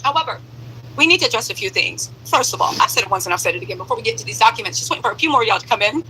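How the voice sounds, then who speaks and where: A woman's voice played back fast enough to turn chipmunk-high and thin. She talks bluntly, with joking asides. The sound is bright and sharp, with faint noise underneath. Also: animated, poor audio. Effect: sped-up playback, chipmunk-like high voice. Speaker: live-stream commentator. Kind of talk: live-stream commentary.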